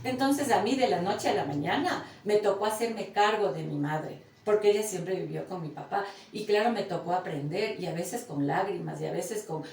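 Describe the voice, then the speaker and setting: A woman's voice: mid-range voice, normal speed, vocal fry, hardly any pauses, a little mellow, slight background noise. Earnest woman from Ecuador, distant roomy mic. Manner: earnest, emotional storytelling. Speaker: guest, daughter caring for her mother. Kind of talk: casual podcast conversation.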